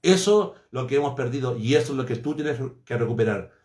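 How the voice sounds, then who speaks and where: A man's voice: mid-range voice, expressive, fairly quick, a little mellow, reverberant. A man preaching a sermon fervently and emphatically, repeating phrases for effect.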